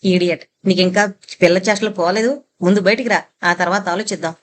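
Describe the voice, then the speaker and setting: A woman voicing a stern, gruff older army major who barks and scolds in a booming way. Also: brisk, a little hiss or hum, natural voice. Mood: gruff scolding.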